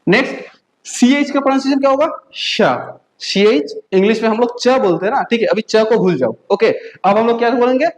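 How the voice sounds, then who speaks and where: A woman from India teaches a beginner class at a measured, methodical pace. She spells sounds out one by one, and a steady "okay?" runs through her speech to keep learners with her. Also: on the high side, low-quality recording. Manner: patient drilling, frequent "okay?" check-ins, slow spelled-out letters. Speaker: German language teacher. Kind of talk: beginner language lesson.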